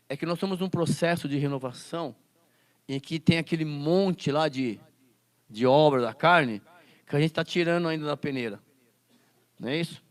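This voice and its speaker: A man teaching a Bible school lesson, quoting scripture and asking the class rhetorical questions. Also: a little high. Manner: quotes scripture and acts out classroom scenes.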